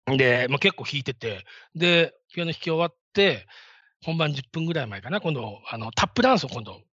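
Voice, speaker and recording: Raspy, animated man in his fifties. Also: on the high side, a little fast, dry recording. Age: 50s. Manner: rambling and self-deprecating. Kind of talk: casual solo talk. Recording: dull lo-fi, dry sound.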